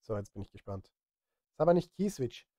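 On a live music stream from his home studio, a middle-aged streamer and film music composer chats casually, thinking aloud and scolding himself. His medium-pitched voice has a sing-song lilt and a warm tone at normal speed. A close studio microphone captures him with no room sound.

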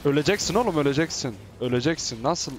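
Man, gaming commentary, excitable, shouty, faint background hiss. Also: fairly high pitch, fast talker. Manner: excitable, shouting and teasing while playing. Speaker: gaming YouTuber. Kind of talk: live gameplay commentary.

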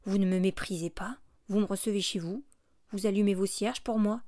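A woman's voice: medium pitch, steady tone, a little fast, mellow, dry recording, clean studio sound, close to an everyday voice. A woman reading a poor, weary male vagabond who speaks humbly and earnestly in an audiobook. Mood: humble, grateful.

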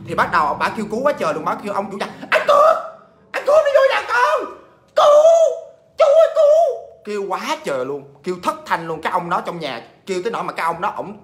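A man telling a ghost story in a chatty, animated way, talking straight to his listeners. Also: high-pitched.

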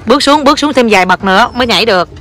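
Bright-voiced mom, encouraging. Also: female voice, a little high, lively intonation, very fast, slight background noise. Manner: coaxing, encouraging, counts aloud. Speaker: mother filming her child. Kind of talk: casual family vlog. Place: outdoors by a river. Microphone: phone camera held by the speaker.

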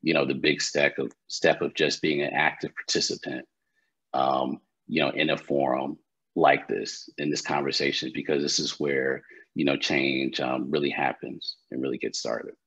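A man's voice: rumbling low, little pitch movement, moderate pace, vocal fry, a bit bright, husky. A man giving earnest, grateful closing remarks as a guest speaker on a video call. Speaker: guest speaker, founder of a career organization. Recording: muffled lo-fi audio.

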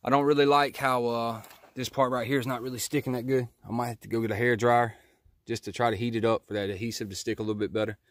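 A man's voice: medium pitch, little pitch movement, fast talker, a bit bright. A man talking casually to his viewers beside his car after an install, still a little out of breath, chatty and laid-back. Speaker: car vlogger. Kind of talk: casual how-to vlog outro.

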